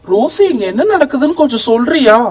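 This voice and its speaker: A bossy young boy scolds and argues in a raised voice, a little above a man's usual pitch, as a woman puts him on. He sounds exasperated and impatient. It fits a homemade doll-play story. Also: lively intonation, a little fast, a little mellow, slightly rough. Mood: calm.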